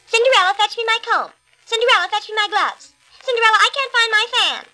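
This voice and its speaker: A woman voicing the mean, spoiled young stepsisters in a storybook, with a shrill, mocking manner. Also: fast talker, sharp tone, faint music behind, exaggerated voice. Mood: bossy.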